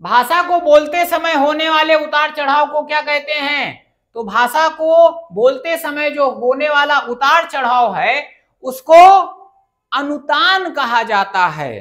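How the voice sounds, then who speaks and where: A woman's voice: high-pitched, slow, fairly bright tone. A woman teaching an exam-prep grammar lesson who keeps asking the class questions and answering them herself.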